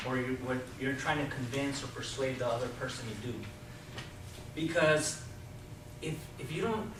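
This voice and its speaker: A man giving an informal, persuasive sales presentation to a group, explaining his points directly to the listeners. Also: medium pitch. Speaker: Toastmasters club speaker giving a sales talk. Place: indoor club meeting room with a live group. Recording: distant mic, very echoey room, clear noise.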